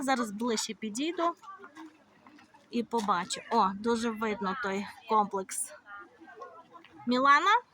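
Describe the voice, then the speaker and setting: A woman's voice: on the high side, a bit bright, a little hiss or hum. A woman from Ukraine chatting casually as she walks outdoors through resort streets, filming on a handheld phone. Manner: chatty, conversational, with fillers. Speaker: vlogger. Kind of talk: casual walking tour vlog.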